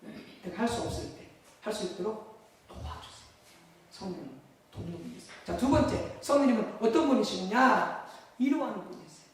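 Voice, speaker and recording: A man's voice: sits high, animated, a little fast. A man preaching a sermon in a church hall, asking the congregation questions and answering them himself. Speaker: pastor. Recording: echoey hall, mic far off.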